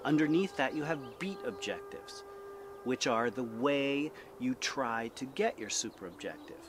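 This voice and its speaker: A man teaching acting like a drama teacher, speaking in an emphatic, deliberate way and posing rhetorical questions as he lectures. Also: mid-range voice, expressive, music in the background.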